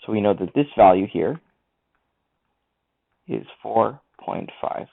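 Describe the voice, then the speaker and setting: A man's voice: fairly low pitch, animated, takes it slowly, gravelly. A man teaching a math lesson, talking through each step of the working aloud. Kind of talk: screen-recorded lesson walkthrough. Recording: tinny lo-fi mic.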